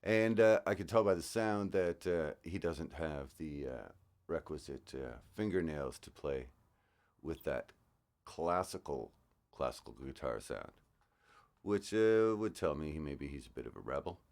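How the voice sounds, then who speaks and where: Very deep-voiced man explaining guitar music. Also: expressive, unhurried, a little mellow. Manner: explanatory, thoughtful, with frequent uh fillers. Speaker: guitarist reacting to a song. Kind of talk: casual music breakdown commentary. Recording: music playing in the background.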